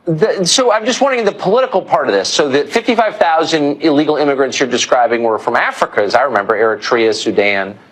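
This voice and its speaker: A man's voice: fairly high pitch, expressive, quick pace, few pauses, a bit bright, poor audio. A man hosting a cable news show, delivering emphatic commentary with rhetorical questions, then interviewing a guest.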